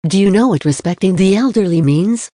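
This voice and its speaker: A reader voicing a sly, lecherous old male sect treasurer who grumbles gruff retorts, in a dark, dry audiobook reading. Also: mid-range voice, lively intonation, fairly quick, no room sound, voice pushed up, close to an everyday voice. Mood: grumpy.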